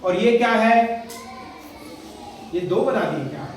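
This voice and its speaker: A man's voice: high voice, expressive, slow. Male teacher quizzing pupils in an echoey classroom. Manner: call-and-response questioning, repeating answers. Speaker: primary school teacher. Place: school classroom. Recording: very echoey classroom, far from mic, noisy.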